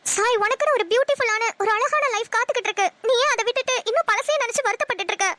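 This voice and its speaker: A woman's voice: very high voice, racing, sharp tone, a little hiss or hum. A woman voicing a frank young woman in a cartoon who earnestly coaxes her friend. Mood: persuading. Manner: earnest, persuading. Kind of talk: Tamil cartoon voice acting.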